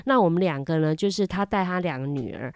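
A woman's voice: fast talker, no echo. Chatty Taiwanese woman telling a story. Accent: Taiwanese Mandarin. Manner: animated, repeats words, lively pitch jumps. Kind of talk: casual storytelling chat.

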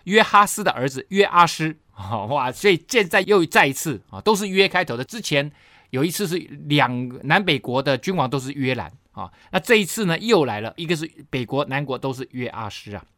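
A man teaching a Bible study, lively and repeating phrases for emphasis. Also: on the high side, fairly quick, dry recording, studio quality.

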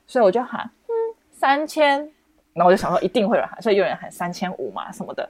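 A young woman, hosting a podcast and telling a story in casual, expressive chat. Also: fairly low pitch, racing, no echo. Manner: animated, expressive, lots of restarts and exclamations. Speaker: podcast host.

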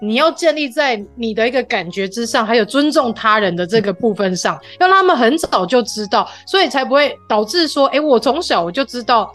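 A woman, hosting a casual podcast chat and telling family stories with animated voices. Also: fairly high pitch, a little fast, hardly any pauses, soft background music. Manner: animated storytelling, acts out her child's questions. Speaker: podcast host.

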